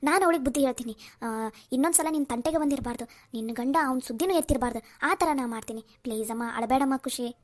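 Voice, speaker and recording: A fretful middle-aged mother, voiced by a woman in a cartoon family drama. Her voice sits high and moves fast. She soothes her daughter and complains bitterly about her daughter-in-law. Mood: worried.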